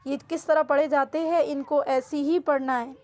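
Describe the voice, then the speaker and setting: Brief: female Quran teacher with a Pakistani Urdu accent, high and level voice, drawn-out spelling drills. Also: fairly even intonation, a little mellow. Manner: slow drawn-out syllables, brisk asides.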